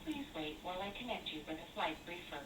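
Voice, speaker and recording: A woman's recorded phone message, reading scripted menu prompts in a polite, measured, clearly enunciated way. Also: lowish voice, expressive. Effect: recorded phone message played over a speakerphone. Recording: echoey, from far off, faint hiss.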